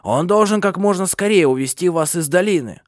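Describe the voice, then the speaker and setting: A man doing a sharp, scornful old witch. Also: high-pitched, animated, a little fast, no echo, clean studio sound, voice pushed up. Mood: scolding. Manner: sharp, scolding, imperious. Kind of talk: audiobook character voice.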